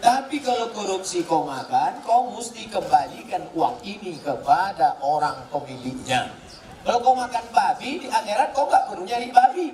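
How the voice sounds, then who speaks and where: A man preaching a humorous sermon to a live audience, answering their questions with teasing jokes and swinging from soft asides to shouted points. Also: high voice, lively intonation, moderate pace. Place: large hall with a live audience. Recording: echoey hall, distant, crowd laughter.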